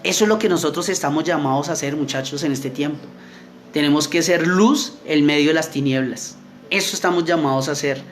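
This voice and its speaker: A man preaching a youth sermon, reading scripture slowly, correcting himself often and checking in with his listeners. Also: on the high side, faint music behind. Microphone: streamed to online viewers.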